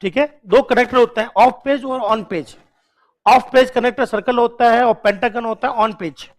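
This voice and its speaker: A man teaching a classroom lecture, drilling key points slowly, repeating them and quizzing students with questions while urging them on. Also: very high-pitched, steady tone. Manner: coaxing and encouraging toward students.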